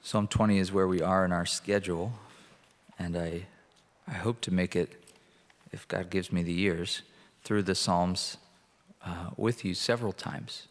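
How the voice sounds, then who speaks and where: A man preaching as a pastor and reading scripture aloud, earnest and deliberate, with pauses between phrases. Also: low voice, steady tone. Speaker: pastor leading a church prayer meeting. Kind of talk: sermon with Bible reading. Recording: reverberant hall, long echo.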